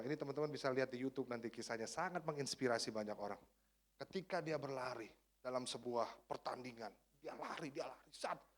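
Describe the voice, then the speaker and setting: A man preaching a sermon as a pastor, energetic and swinging between hushed and shouted lines. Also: medium pitch.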